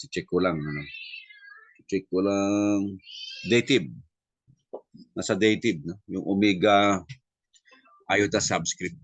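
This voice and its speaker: A man leads a review lesson in a very low, unhurried voice. He sprinkles in fillers and tag questions and spells out sounds deliberately. The recording is close and dry. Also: dry recording. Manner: Tagalog-English mix, many fillers and tag questions. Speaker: Greek class teacher.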